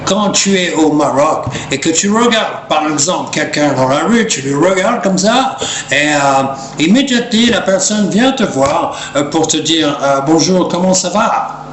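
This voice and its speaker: Male comic monologuist, American accent in French, slightly high voice, halting and mixing in English, roomy sound. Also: animated. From United States. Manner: hesitant French mixed with English, refers to himself in third person. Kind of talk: humorous rambling monologue to camera. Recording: roomy echo, clear background noise.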